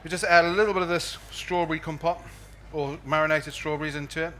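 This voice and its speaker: South African male chef, whistling s, highish bright voice, informal live demo patter over clear background noise. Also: steady tone, fast talker. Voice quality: whistling s from a false tooth. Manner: informal, chatty with the audience. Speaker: chef giving a cooking demonstration. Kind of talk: live cookery demonstration with casual chat.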